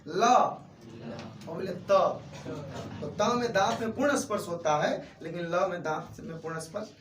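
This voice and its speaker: A man's voice: high voice, normal speed. A man with a Bihari accent teaching a grammar lesson in a classroom, asking the class questions and answering them himself. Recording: echoey room, far from mic, faint noise.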